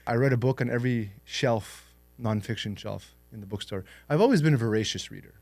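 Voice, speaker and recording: Born in Lebanon and raised in Canada, a young man tells his life story as a podcast guest in an interview, relaxed and reflective. His voice is mid-range and brisk, with no echo.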